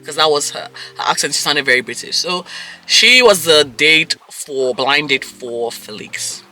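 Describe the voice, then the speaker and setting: A man talks through a dating show episode in a loose, gossipy recap, his voice swooping up and down with big, expressive pitch swings. The tone is sharp and very bright, sitting slightly high for a man, and he throws himself into acting out the reactions he describes. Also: measured pace. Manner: animated, gossipy, acts out quoted reactions. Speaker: reality TV recap vlogger. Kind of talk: casual episode recap commentary.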